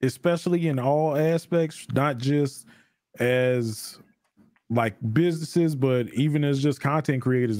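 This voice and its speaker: A man's voice: medium pitch, no room sound, clean studio sound. A man in casual podcast chat, talking animatedly and acting out quotes with laughs. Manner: animated, acts out quoted voices, laughs often. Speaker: podcast guest, streamer.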